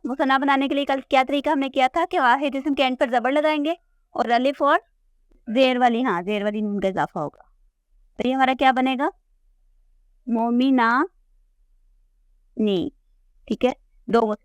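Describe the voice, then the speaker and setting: A woman's voice: sits high, normal speed, long pauses, clear, resonant tone, no room sound. A woman teaching Arabic grammar, patiently repeating word forms and checking in with her students. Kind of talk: classroom lesson explaining a chart.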